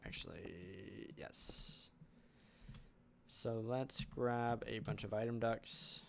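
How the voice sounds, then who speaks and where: A man's voice: fairly low pitch, drawn-out words, creaky, slight background noise. A man hosting a game channel, thinking aloud in casual let's play commentary as he builds. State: hiccuping. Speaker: gaming channel host.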